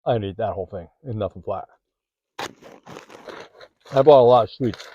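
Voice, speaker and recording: A man with a lowish voice talks casually through a food tasting, chewing between remarks and filming one-handed. The sound is dry and a little dull, recorded up close in a car. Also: normal speed, warm tone, dry recording. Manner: chatty, eats while talking, mouth full at times. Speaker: food vlogger. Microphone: handheld phone or camera.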